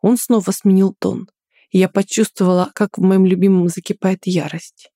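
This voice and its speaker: A woman reading a first-person story aloud in a quiet, restrained way. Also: mid-range voice, little pitch movement, moderate pace, no room sound, clean studio sound. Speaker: audiobook narrator.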